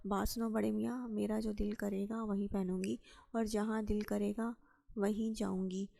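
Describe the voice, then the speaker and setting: A woman's voice: mid-range voice, level tone, vocal fry, mellow. A woman reading aloud and voicing a bold, talkative young woman who speaks in a sassy, outspoken way. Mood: defiant. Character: lively chatty young woman, bold and cheeky.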